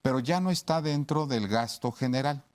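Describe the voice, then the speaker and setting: A man's voice: mid-range voice, moderate pace. A man with a Mexican accent hosting a radio talk show, explaining things at length with homely examples and lots of fillers and restarts. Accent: Mexican Spanish.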